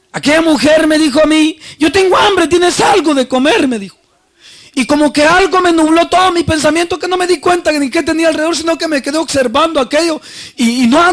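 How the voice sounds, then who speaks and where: Delivering a sermon in a very high-pitched voice, a man tells a personal story, acting out the voices of the people he quotes and swinging between loud and soft.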